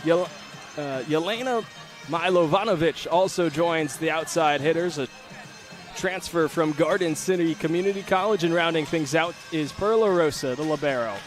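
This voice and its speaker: Male sports broadcaster, slightly high voice, pregame lineup read over music. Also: normal speed. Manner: steady, informative read of team notes and starting lineups. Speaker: play-by-play broadcaster.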